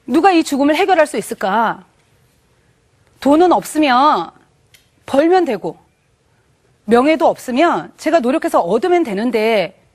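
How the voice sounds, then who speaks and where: A woman with a high-pitched voice gives a personal testimony of faith. She speaks earnestly and with emotion, and she pauses haltingly between phrases.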